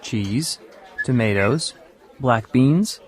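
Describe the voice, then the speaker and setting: A man's voice: mid-range voice, expressive, very slow, a faint crowd. Friendly textbook-dialogue guy. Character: friendly young man in textbook dialogue offering pizza.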